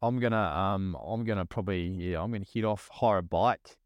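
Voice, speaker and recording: A man with a broad Kiwi accent and a fairly low voice talks casually. He rambles, circles back over his own phrases and leans on laid-back slang. The sound is dry, with little room on it. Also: fairly quick, dry recording. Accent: New Zealand. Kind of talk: casual chat.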